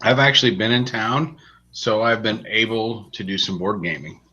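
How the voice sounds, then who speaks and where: This podcast co-host has a lowish, pushed and bright voice and talks at a moderate pace. He explains board games and trades dry jokes in casual chat and game review, recorded as dull lo-fi podcast audio.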